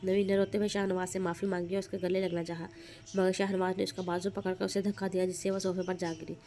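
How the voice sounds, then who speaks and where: A woman reads an audio novel aloud in a steady storytelling manner. Her voice is mellow and warm. The delivery stays flat and even. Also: on the low side, quick pace. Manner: steady storytelling read with small restarts. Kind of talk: scripted narration.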